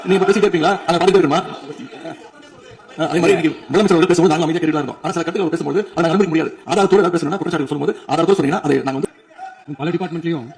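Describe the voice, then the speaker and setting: Brief: protesting legislator, off-mic. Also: male voice, fairly high pitch, rapid-fire, pauses often, darkish tone. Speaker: opposition member. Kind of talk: debate objection. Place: legislative assembly chamber.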